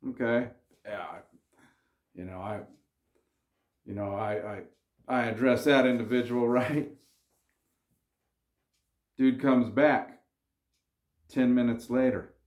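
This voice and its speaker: A man's voice: mid-range voice, steady tone, slow pace, pauses often, a little mellow. Laid-back slangy man in an echoey room. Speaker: vlogger. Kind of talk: casual advice monologue.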